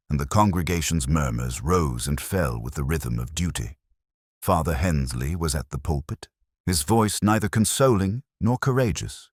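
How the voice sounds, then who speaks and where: A man with a deep voice plays a world-weary, cerebral police detective, narrating a radio drama in the first person. His delivery is measured, melancholic and dryly ironic, recorded at studio quality with no echo.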